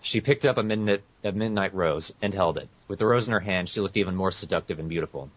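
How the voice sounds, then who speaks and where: A low-pitched man talks fast while co-hosting a podcast, reading fan fiction aloud with casual asides. He often stumbles over his words and corrects himself. The lo-fi audio sounds muffled and echoey.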